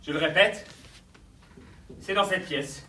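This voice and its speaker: High-voiced, sardonic, insistent man played by an actor. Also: takes it slowly, pushed and bright, exaggerated voice. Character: sardonic, forceful male guest turned insistent investigator. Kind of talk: stage play acting. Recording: echoey stage, distant mic, faint noise.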